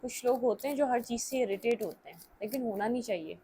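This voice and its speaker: A young woman talks her viewers through a tarot reading in a relaxed, chatty way. Her voice sits on the higher side, and she keeps punctuating her thoughts with "okay" as she works through the cards. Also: quick pace, slight background noise. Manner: talkative, keeps checking in with "theek hai", mixes English words. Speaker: tarot reader. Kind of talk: casual tarot reading to camera.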